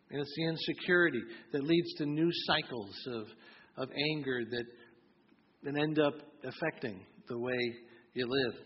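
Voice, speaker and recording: A man's voice: on the high side, slight background noise. A man, a pastor, preaching a sermon in a conversational way and acting out short examples. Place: church auditorium. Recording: dull sound in a large reverberant hall.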